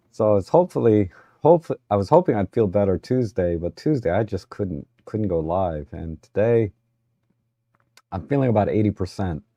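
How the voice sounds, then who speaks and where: Hoarse man with a gravelly low voice. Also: expressive, mellow, no echo, dull audio. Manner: halting, many fillers and restarts. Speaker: livestream host. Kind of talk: casual livestream chat.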